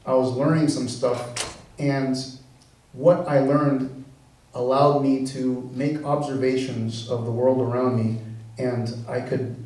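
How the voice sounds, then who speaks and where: A man giving a conversational science lecture, easygoing and full of "uh" and "you know." His voice is mellow and dark. He was recorded from a distance in a large hall that rings with echo. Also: medium pitch, takes it slowly. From born in the US, raised in Venezuela. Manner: relaxed, conversational, many fillers and restarts. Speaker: engineering professor giving a talk. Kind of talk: public science talk. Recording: very echoey room, mic far off.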